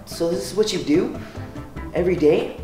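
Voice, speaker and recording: A man's voice: sits high, moderate pace, mellow, reverberant, soft background music, low-quality recording. A young man hosting a vlog, chatting casually indoors at home. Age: teens to young adult. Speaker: vlog host. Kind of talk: casual chat.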